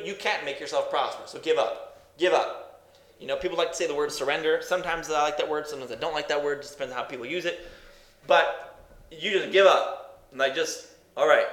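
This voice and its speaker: A man preaching with a high, lively voice that rises and falls a great deal. He talks in a conversational way and keeps asking his listeners rhetorical questions. The sound carries a noticeable room echo. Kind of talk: sermon.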